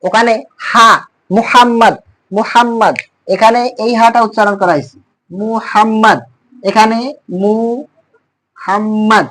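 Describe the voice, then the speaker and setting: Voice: medium pitch, a bit bright, low-quality recording. A teacher, giving a classroom lesson on speech sounds, explaining patiently and quizzing students with repeated terms.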